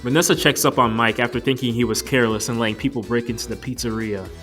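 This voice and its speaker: Fast and fairly bright, with a medium pitch and fairly even intonation, the young reviewer delivers his scripted movie commentary. His manner is casual, joking and mildly profane, and music plays behind his voice.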